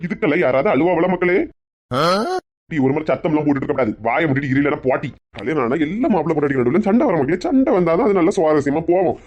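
A man playing a fast-talking doting Kanyakumari dad. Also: on the high side, darkish tone, highs cut off, lightly acted. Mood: soothing. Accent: Kanyakumari Tamil. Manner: coaxing with his daughter, bickering with his wife. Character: doting middle-aged father, teasing toward his wife. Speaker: father in a family comedy skit. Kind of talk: comic family skit acting.

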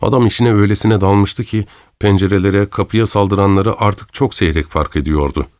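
A man reading an audiobook aloud in measured, dramatic scripted narration. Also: lowish voice, a little mellow, dry recording, studio quality. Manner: measured, dramatic storytelling, voicing characters' lines lightly.

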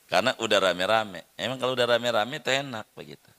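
A man's voice: fairly low pitch, quick pace, sharp tone. A middle-aged man teaching a religious study lecture, repeating words and drilling Arabic pronunciation for his listeners. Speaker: Islamic teacher.

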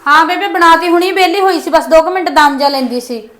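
A woman's voice: very high voice, fast, a bit bright, no room sound. A woman acting as an overworked daughter-in-law in a scripted village sketch, grumbling and resentful.

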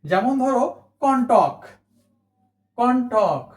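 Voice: medium pitch, lively intonation, slow pace. Echoey teacher drilling spelling rules. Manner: repeats rules and asks rhetorical questions; mixes English words into the talk. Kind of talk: admission exam spelling lesson.

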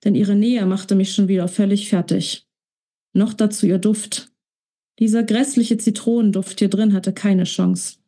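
A woman author reading aloud from her own romance novel in a calm, measured storytelling voice. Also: medium pitch. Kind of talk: audiobook-style reading.

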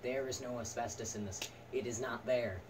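A young man giving a casual, halting, unscripted product review in short fragments. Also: mid-range voice, fairly even intonation. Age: teens to young adult. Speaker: video reviewer. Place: small attic room indoors. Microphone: camera a few metres away. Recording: distant camera mic, noisy room.

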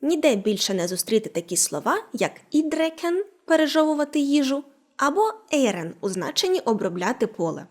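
Female teacher narrator, fairly high, very lively intonation, clearly enunciated scripted lesson. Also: fairly quick. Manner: animated, clearly enunciated explanations. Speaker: language teacher.

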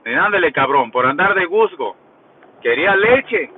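A man's voice: fairly high pitch, sing-song, normal speed. A man with a Mexican accent, vlogging in a crude, mocking, joking way as he tells gossip. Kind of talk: casual gossip monologue. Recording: tinny phone-like sound with faint noise.

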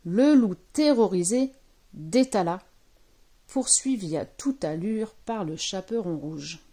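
A woman reading a children's story aloud at home on her sofa, with lively, expressive storytelling. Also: medium pitch, slow pace.

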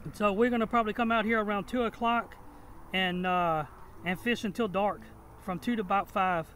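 A man's voice: high voice, normal speed, fairly bright tone. A man rambling with many fillers as he explains things to the camera, recorded outdoors on a riverbank with a body-mounted camera. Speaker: fishing vlogger. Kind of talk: casual first-person vlog explanation. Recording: faint outdoor noise.

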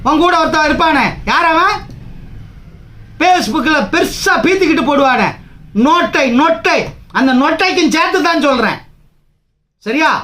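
Fiery high-voiced union leader man. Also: lively intonation, normal speed, long pauses, sharp tone. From Tamil Nadu. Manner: combative, taunting, fires rhetorical questions. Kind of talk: angry political speech.

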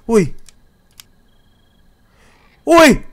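A young man with a Puerto Rican accent, commentating a horror game live, jumpy, yelling and swearing in quick repeated outbursts. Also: very high voice, huge pitch swings. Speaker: gamer.

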